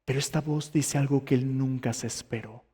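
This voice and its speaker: A man's voice: medium pitch, fairly even intonation, a little fast, mellow, breathy edge, big-room sound. A male pastor preaching a sermon, telling the story dramatically and asking the congregation questions. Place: church sanctuary.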